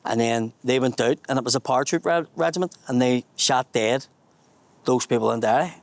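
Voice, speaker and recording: A man's voice: medium pitch, fairly quick, no echo. A man in his forties with a Belfast accent, a comedian guiding a casual tour outdoors and telling history in a blunt, sweary way. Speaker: tour guide and comedian host. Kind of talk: casual guided tour chat. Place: outdoors at a memorial garden in a housing estate. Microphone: small handheld mic.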